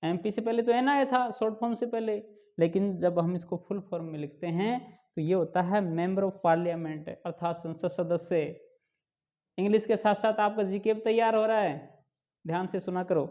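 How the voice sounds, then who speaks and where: Mellow-voiced man teaching a grammar lesson. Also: high voice. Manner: asks questions and answers them himself, emphatic; drawn-out slow pronunciation of examples. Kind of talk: classroom lesson explaining English grammar.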